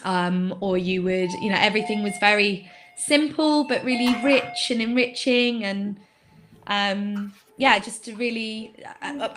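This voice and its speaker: A woman raised abroad, now a shop owner, talking casually in a webinar interview with many pauses and fillers. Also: mid-range voice, fairly bright tone, slight background noise. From England, raised in Greece. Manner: hesitant, many fillers, laughs easily.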